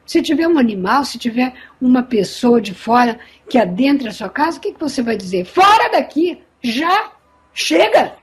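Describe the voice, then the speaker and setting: Give me a woman with a raspy, high voice, teaching spiritual ideas with lively emphasis. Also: brisk, hardly any pauses. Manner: animated, emphatic, warmly insistent. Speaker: co-host of a spiritual study program.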